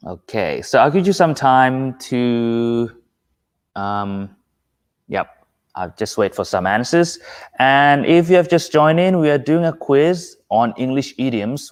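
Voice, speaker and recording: Thai-accented male English teacher hosting a live quiz, slow and patient, greets viewers one by one. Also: on the low side. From Thailand. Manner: patient, unhurried, reads out viewer comments. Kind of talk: live-streamed quiz lesson.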